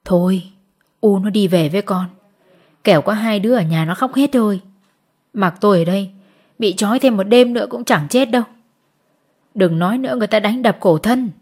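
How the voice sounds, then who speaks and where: A woman voicing a weak, tied-up peasant husband who gently urges his wife to go home. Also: medium pitch, fairly quick, pauses often, natural voice. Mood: gentle. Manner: trembling, soft, urging.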